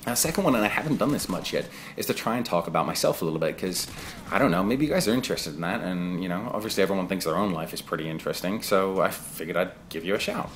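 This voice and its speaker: Deep-voiced man in his thirties, chatty. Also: expressive, fast talker, few pauses, slight background noise. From England. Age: 30s. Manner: conversational and digressive, chatty asides. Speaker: gaming video creator. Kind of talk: casual voice-over commentary on gameplay.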